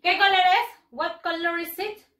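A woman teaching English to first graders in a bilingual lesson, slow and exaggerated, patiently repeating words for the children to copy. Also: very high voice, fairly even intonation, a bit bright, recorded from a distance. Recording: echoey room, speaking away from the mic.

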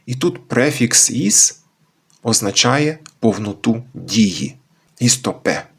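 A man hosting an educational channel, methodically explaining old words one by one in a calm lesson. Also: lowish voice, normal speed, creaky, slightly rough. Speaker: channel host explaining chronicle language.

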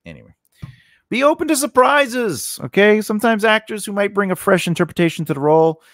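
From a small home studio, a man in his forties talks briskly and expressively in a high, fairly bright voice while hosting a relaxed screenwriting lesson. A large condenser mic on a boom arm sits close, so there's no room sound. His talk meanders, peppered with "you know" and "right?"

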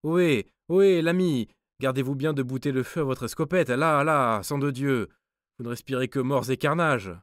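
A man voicing an impish old male court dwarf who speaks in shrill, sharp cries. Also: measured pace, no room sound, studio quality, lightly acted.

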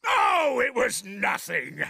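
An actor voicing a blustery, cheerful bull who runs the road works, emphatic and booming, in a preschool cartoon. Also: male voice, huge pitch swings, slow pace, creaky, pushed and bright, husky, exaggerated voice. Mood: proud.

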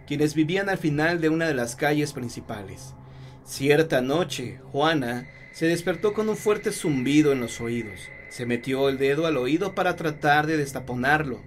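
A man from Mexico narrating scripted horror stories in a slow, measured way with dramatic pauses. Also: a little high, a little hiss or hum.

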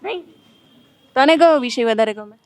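A woman's voice: sits high, expressive, moderate pace. A woman reporter interviewing schoolgirls on location outside a school, asking playful, teasing questions.

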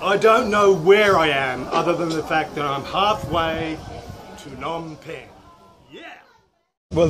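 An older man hosting a casual travel vlog, chatting wryly with passengers and narrating in a reflective tone. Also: medium pitch. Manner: chatty, wry interviewer. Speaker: vlogger host. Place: tuk-tuk and outdoor temple grounds. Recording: outdoor recording with clear street noise.

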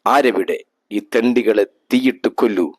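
A proud caliph with a short fuse, voiced by a man telling the tale. The voice sits low and dry, close to the mic. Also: unhurried, no echo. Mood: commanding. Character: proud hot-tempered male caliph.

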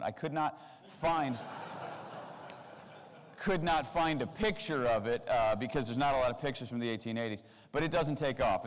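A man in his forties giving a comedic keynote talk on a convention stage, animated, with sarcastic asides and big jumps in pitch. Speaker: keynote speaker. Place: large convention hall stage. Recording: long hall reverb.

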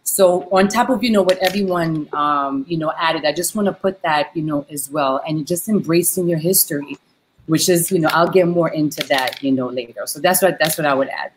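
A woman's voice: sits low, moderate pace, slight background noise, rough recording. Earnest woman on a video call. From New York, Haitian family. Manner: earnest, many "you know" fillers. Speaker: panelist, dancer. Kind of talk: casual panel chat on video call. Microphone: laptop mic on video call.

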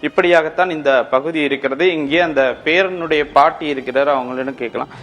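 A man reporting live as a field news reporter in formal language, halting and repeating his phrases. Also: fairly high pitch, fairly bright tone, muffled recording.

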